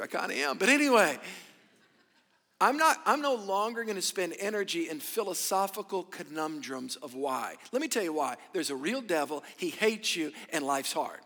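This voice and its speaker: A pastor preaching a sermon into a pulpit microphone, emphatic, firing rhetorical questions and calling on the congregation to answer back. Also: male voice, high voice, big pitch swings, normal speed, sharp tone. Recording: long church-hall reverb.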